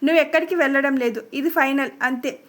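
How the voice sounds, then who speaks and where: A stubborn young husband in a storybook drama, read by a woman, bossy and threatening. Her voice stays high even as he gives orders. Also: fast talker. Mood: angry, pleading. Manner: commanding, threatening.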